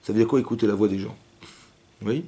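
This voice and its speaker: Animated man teaching a class. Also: lowish voice, fast talker. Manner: animated, asks questions, acts out cries and quotes. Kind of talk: lively torah class, questioning students. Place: synagogue hall with young women students.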